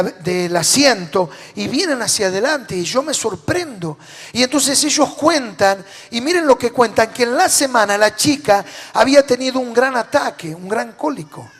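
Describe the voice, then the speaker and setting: A man with a Rioplatense Spanish accent preaching a sermon as pastor, asking the congregation rhetorical questions and dropping to quiet endings after loud lines. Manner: swings between loud declarations and low, quiet endings. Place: large church hall. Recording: reverberant church hall.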